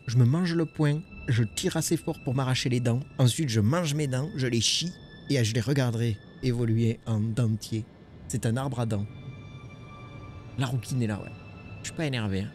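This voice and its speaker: A man with a French accent commenting casually on a game stream, excitable and swearing, joking with his chat. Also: mid-range voice. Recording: music behind voice.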